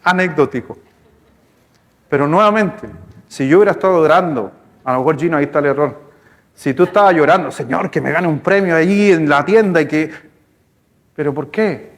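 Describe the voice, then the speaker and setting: A male pastor with a Chilean accent, preaching a sermon in a lively, storytelling way, speaking to the congregation. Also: on the high side, brisk. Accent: Chilean Spanish. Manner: storytelling, animated, conversational with congregation. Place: church hall. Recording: long hall reverb in church.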